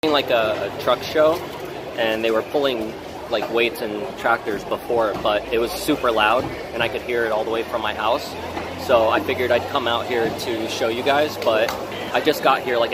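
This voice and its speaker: A man chatting casually to his viewers as he vlogs outdoors from the stands at a fair. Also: mid-range voice. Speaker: vlogger. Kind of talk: casual outdoor vlog chat. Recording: very loud outdoor event and vehicle noise.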